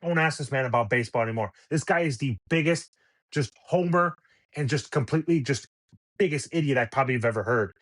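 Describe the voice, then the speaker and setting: A man's voice: fairly high pitch, a bit bright. A middle-aged man hosting a podcast, ranting about sports radio with exasperated rhetorical questions. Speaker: podcast host. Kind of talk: opinionated sports rant.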